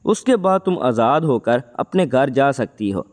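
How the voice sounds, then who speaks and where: A man's voice: mid-range voice, animated, lightly acted. A man voicing a stubborn, pleading young suitor. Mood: insistent. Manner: insistent, begging. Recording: long reverb, faint music.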